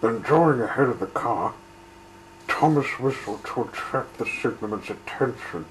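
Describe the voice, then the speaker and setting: A man reading a children's train story aloud in an unhurried, gentle storytelling manner. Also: mid-range voice, expressive. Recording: roomy with faint hiss.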